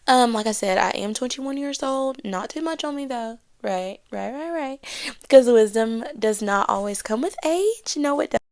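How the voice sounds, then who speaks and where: A woman in her twenties hosts her own solo podcast, chatting casually in a slightly high, animated voice at normal speed. She's self-deprecating and talkative, using lots of fillers and Southern slang.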